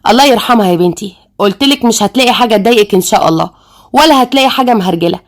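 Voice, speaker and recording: A woman voicing a calm, patient middle-aged stepmother in an Egyptian accent, speaking in a soothing, measured way. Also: mid-range voice, close to an everyday voice.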